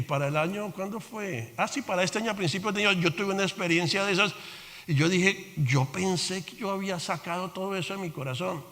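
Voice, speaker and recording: Animated pastor in a reverberant hall. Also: male voice, sits high. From Colombia. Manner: animated, swings between loud exclamations and quiet asides. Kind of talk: sermon. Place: church sanctuary. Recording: long church hall reverb.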